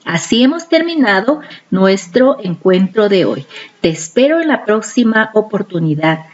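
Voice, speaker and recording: A woman teaching young children in a phonics lesson, speaking in a sing-song way with slow, deliberate enunciation. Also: medium pitch, big pitch swings, dull audio.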